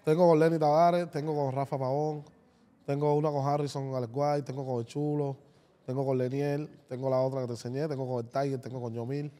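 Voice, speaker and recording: Guy on a podcast, quick and lively, does little voices for people in his stories. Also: medium pitch. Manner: animated storyteller, acts out voices. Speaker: musician guest. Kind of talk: casual podcast chat, storytelling.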